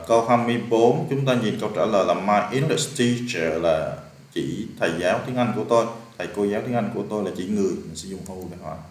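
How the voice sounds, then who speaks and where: A man's voice: deep voice, a little mellow, echoey room. A man with a Vietnamese accent, teaching as an English teacher and patiently walking through exercise answers step by step, repeating key words.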